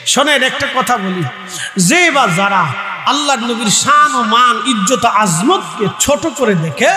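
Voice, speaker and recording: Preacher guy, high voice, sing-song chanting sermon, echoey roomy sound. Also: animated, measured pace. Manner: chanting sing-song delivery, calling out to the crowd. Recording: echoey loudspeaker hall with long reverb, faint music.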